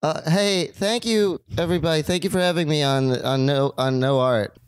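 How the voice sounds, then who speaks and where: Guy doing a clueless rambling artist on a radio bit, smooth clear voice, dry sound, uhs everywhere. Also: on the high side, moderate pace, no room sound, close to an everyday voice. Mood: awkward. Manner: hesitant, rambling, many fillers. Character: bumbling amateur bottle artist, simple and rambling. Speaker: interview guest. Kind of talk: comedic radio sketch.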